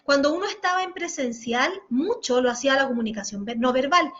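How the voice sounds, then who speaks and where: A woman with a Chilean accent leads an online communication workshop, pronouncing each sound with deliberate, exaggerated care. Her voice sits high and she stops to respond to comments from viewers. The lesson is captured through a computer mic in a muffled, lo-fi screen recording. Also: fairly bright tone. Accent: Chilean Spanish. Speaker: workshop instructor.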